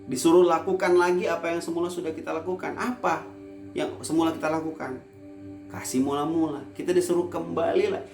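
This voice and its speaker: Guy giving a chatty youth sermon, jokey asides, bit high voice, roomy echo with soft music under it. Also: steady tone, brisk. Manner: playful, teasing asides; swings from loud emphasis to quiet low lines. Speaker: youth preacher. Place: church online service.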